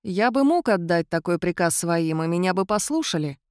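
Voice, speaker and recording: A woman voicing a calm, terse male dragon in an audiobook, with a curt manner. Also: fairly low pitch, normal speed, clean tone, no room sound, studio quality, natural voice. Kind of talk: audiobook character voice.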